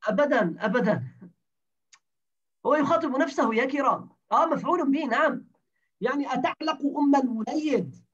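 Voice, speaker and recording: A man's voice: extremely high pitch, animated, brisk, pauses often, fairly bright tone, breathy edge. A man teaching a grammar class, explaining step by step and quizzing his students with questions. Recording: distant dull lo-fi recording.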